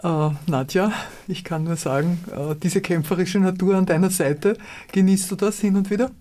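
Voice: medium pitch, steady tone, moderate pace, dark tone. An interviewer asking questions, with many filler sounds.

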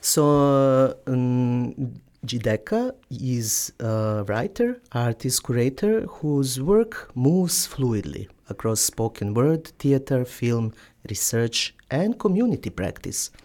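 A woman hosting a radio show from a studio, speaking non-native English in a halting way, with fillers and laughs. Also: extremely low pitch, expressive, dark tone.

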